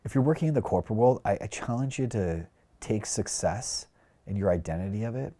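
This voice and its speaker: Earnest male guest, deep dark voice, heartfelt and rambling. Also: lively intonation, brisk. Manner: earnest, heartfelt, filler-heavy with "like" and "you know". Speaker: podcast guest, career coach. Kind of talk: reflective casual conversation.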